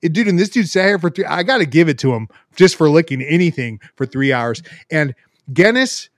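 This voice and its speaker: A man's voice: on the high side, lively intonation, fairly quick, dry recording, clean studio sound. A man co-hosting a podcast, chatting casually in crude slang with frequent swearing. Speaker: podcast co-host.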